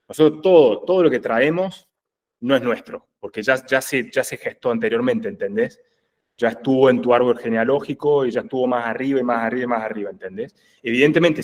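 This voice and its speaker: A man with a Rioplatense Spanish accent explains conversationally as a group facilitator, in a didactic way, often checking that he is understood. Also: mid-range voice. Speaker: group facilitator in family constellations.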